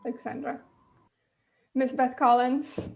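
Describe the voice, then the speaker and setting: A woman's voice: high-pitched, flat delivery, slow, creaky. Chatty woman hosting an online panel. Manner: loose, with many ums. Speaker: host. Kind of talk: casual online panel chat. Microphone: video call.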